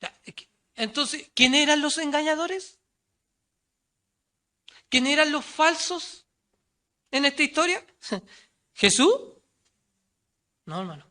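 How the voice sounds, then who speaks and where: A man's voice: lively intonation, slow pace, pauses often. A male preacher with a Chilean Spanish accent delivering a sermon, asking rhetorical questions, answering them himself, and reading scripture aloud. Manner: voice rises loud and high when quoting the crowd, drops low and quiet on asides.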